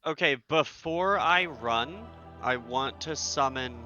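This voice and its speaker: A man's voice: mid-range voice, slow, bright, forceful tone, dull audio, soft background music. A man playing in a tabletop game, chatting casually, swearing and saying "like" a lot. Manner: casual, swears, says "like" often. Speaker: player.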